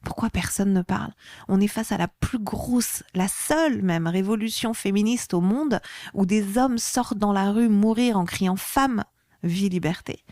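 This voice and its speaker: A woman's voice: medium pitch, measured pace, mellow, no echo, clean studio sound. A woman guest on an interview podcast, speaking passionately and with growing emphasis. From France. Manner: passionate, grows heated and emphatic. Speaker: activist guest. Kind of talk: interview conversation.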